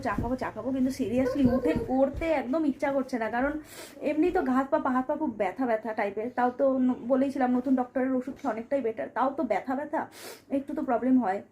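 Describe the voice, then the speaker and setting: A woman in her thirties, hoarse from a cold, chatting casually to viewers as a family vlogger at home. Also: high-pitched, darkish tone, slight background noise. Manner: chatty, talks to viewers as friends. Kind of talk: casual chat to camera.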